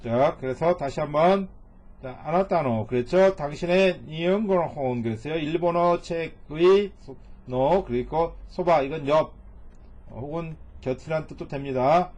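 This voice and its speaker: A man's voice: fairly high pitch, unhurried, a little mellow, highs cut off. A middle-aged man teaching Japanese reading in a recorded lecture, patiently repeating each phrase and translating it word by word.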